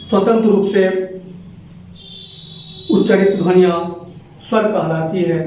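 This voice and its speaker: A man's voice: sits high, a little mellow. A man teaching children, patiently explaining and sounding out letters one at a time. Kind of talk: Hindi grammar lesson for children. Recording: echoey room, voice from far off the mic.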